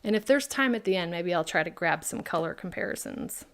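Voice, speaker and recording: A woman's voice: on the low side, lively intonation, fairly quick, fairly bright tone. A woman hosting a live craft product demo, chatting and answering viewers' questions by name.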